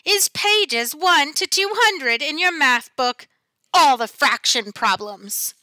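Woman voicing a sly, high-pitched monster schoolteacher. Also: expressive, takes it slowly, bright, forceful tone, no room sound, heavily acted. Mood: menacing glee. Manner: sweetly sinister, theatrical. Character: monstrous green lady teacher, sly, gleefully menacing.

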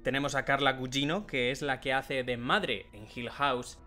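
A man co-hosts a casual podcast chat and talks through his points at length. His voice sits in a middle register, and soft music plays faintly underneath. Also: medium pitch, steady tone, moderate pace. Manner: conversational, explains at length. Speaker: podcast co-host.

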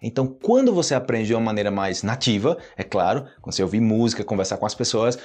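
A young man with a Brazilian Portuguese accent, teaching a casual online language lesson and repeating words slowly to drill pronunciation. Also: lowish voice, big pitch swings, a little mellow.

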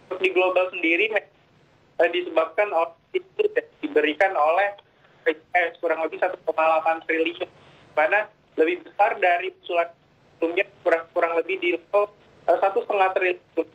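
A man's voice: high voice, fairly even intonation, brisk. A man speaking as a market analyst over a video call whose audio keeps breaking up, talking hesitantly with many filler sounds. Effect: choppy video call audio that keeps breaking up. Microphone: remote video call. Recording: tinny, phone-like video call line.

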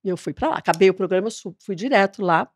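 A woman, a TV presenter, chatting as a podcast guest and telling a story lively, acting out the dialogue. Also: medium pitch, fast talker, slightly rough. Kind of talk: casual interview chat.

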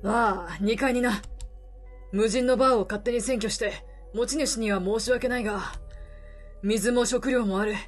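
A woman voicing a middle-aged male travel reporter from a game, world-weary, kindly, calm and measured. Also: faint music behind, close to an everyday voice. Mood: calm, grave. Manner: calm, low, measured delivery. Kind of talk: reading game dialogue in character.

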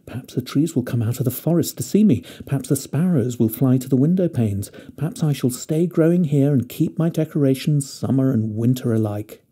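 A wistful young fir tree, put on by a man with a dark, mellow voice, full of longing and anxious wonder. Its eager questions lift upward in pitch in a storybook reading. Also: expressive, a little fast, hardly any pauses, breathy edge.

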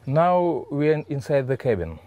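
A man with a Russian accent speaking halting, simple English in a casual interview, often repeating words. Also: fairly high pitch, sing-song, dark tone, a little hiss or hum. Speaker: adventurer and sailor, interviewee. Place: on a sailboat in a marina, cockpit and cabin. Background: music.

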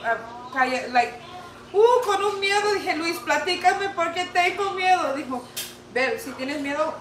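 A young woman, a mother, excitedly telling a story on a livestream and mixing in English words. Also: sits high. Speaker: co-host, mother. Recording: echoey, distant, noisy livestream audio.

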